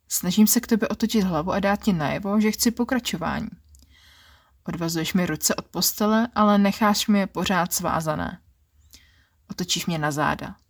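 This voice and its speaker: A woman with a low, husky voice narrates an erotic story in the first person. Her delivery is quiet and intimate. The sound is close and dry. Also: no room sound. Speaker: podcast narrator.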